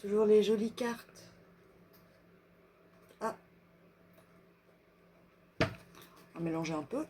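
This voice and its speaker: A woman doing a live card reading, slowly reading self-love affirmations aloud and chatting with her viewers between them. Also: medium pitch, warm tone, slightly rough. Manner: slow, drawn-out reading of affirmations, chatty asides. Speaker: energy reader and card reader.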